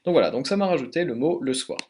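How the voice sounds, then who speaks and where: A man's voice: mid-range voice, lively intonation, quick pace, darkish tone, a little hiss or hum. Hesitant French man explaining a tutorial. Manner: hesitant, many fillers and self-corrections. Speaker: language tutor. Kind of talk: casual screen-recorded tutorial.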